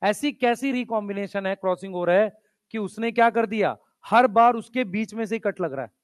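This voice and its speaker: A male teacher giving a classroom lecture. He calls his students "beta", mixes in English technical terms, and keeps urging them to write quickly. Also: high-pitched, dry recording.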